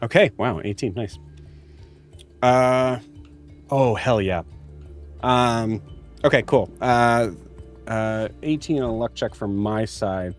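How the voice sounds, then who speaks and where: A man narrating a tabletop game as game master, casual and halting as he searches for words. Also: medium pitch. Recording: music playing behind.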